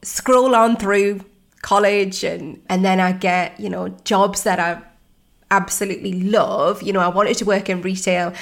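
A woman in her thirties hosts her podcast and recounts her life in a candid, reflective way. Her voice sits at a middle pitch with a gravelly, fry-tinged edge. She talks freely, with plenty of fillers and restarts. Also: steady tone, a little slow. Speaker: life coach, podcast host. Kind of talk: personal storytelling podcast.

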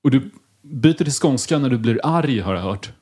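A man's voice: mid-range voice, animated, darkish tone, husky. Curious male interviewer asking questions. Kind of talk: conversational interview.

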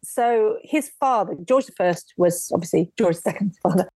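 Woman guest, lively storyteller, close dry mic. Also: mid-range voice, normal speed, slightly rough, dry recording. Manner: lively storyteller who acts out quotes. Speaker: guest author and historian. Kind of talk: casual podcast interview.

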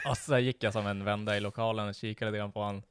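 A man's voice: lowish voice, slight background noise. Laughing man telling a story. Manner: animated storytelling with slang, laughing often. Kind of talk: casual chat.

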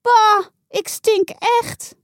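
A woman voicing an excitable young girl who squeals and whines in a high voice. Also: normal speed, dry recording, clean studio sound. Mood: upset.

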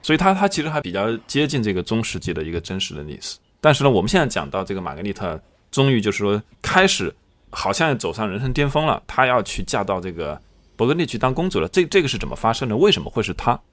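Male host, lowish voice with lively swings; casual, explanatory, colloquial interview chat. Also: fast. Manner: colloquial, explanatory, summing up and prompting the guest.

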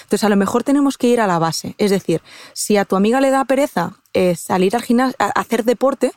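A woman's voice: mid-range voice, expressive, quick pace, a little mellow, dry recording. Spanish woman explaining habits, dry sound. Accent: Spanish from Castilla-La Mancha. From Castilla-La Mancha, Spain. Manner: explanatory, frequent "eh" fillers and restarts, addresses host directly. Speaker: guest expert on habits. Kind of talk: conversational interview.

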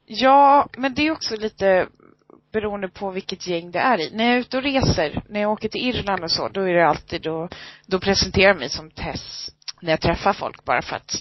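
Lively storytelling Swedish-speaking woman, dry sound. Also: medium pitch, dry recording. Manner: animated, acts out other people's lines while telling stories. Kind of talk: casual chat, storytelling. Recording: dry, slightly dull lo-fi sound.

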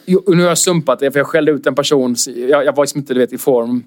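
A man, a comedian, telling an anecdote in casual chat and acting out quotes with sudden high-pitched outbursts. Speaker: comedian guest.

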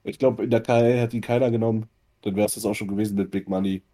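Male co-host, low mellow voice, blunt and outspoken, casual podcast talk. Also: steady tone, fast. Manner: blunt, opinionated, swears freely.

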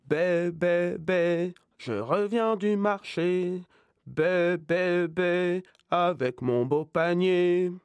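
Storybook wolf, male, gruff and sly, slow and low, put on by a woman narrator. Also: darkish tone, dry recording. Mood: sly singing. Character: big-voiced scheming male wolf.

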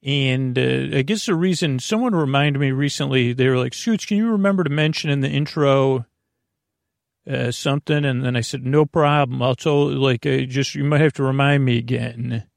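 A podcast host rambles through a bedtime monologue meant to help listeners fall asleep, his creaky, gravelly voice halting and meandering into tangents mid-sentence. He speaks in a mid-range voice, and the studio sound is clean, with no room sound.

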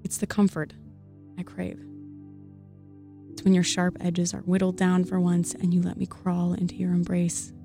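Soft-spoken woman reading love poetry. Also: on the low side, monotone, normal speed, long pauses. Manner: soft, intimate and earnest. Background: faint background music.

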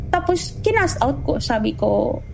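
A young woman from the Philippines, high-pitched with vocal fry and a measured pace, tells a true horror story in casual Taglish. She's lively, acting out what the kids said. Sound quality is poor, with slight background noise.

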